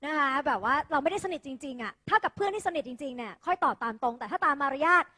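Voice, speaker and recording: Speaking at a quick pace, a high-voiced, bright Thai woman leads an English class with lively energy, drilling pronunciation and affectionately addressing students as "kids" and "dear." It sounds like a phone recording in an echoey hall with long reverb.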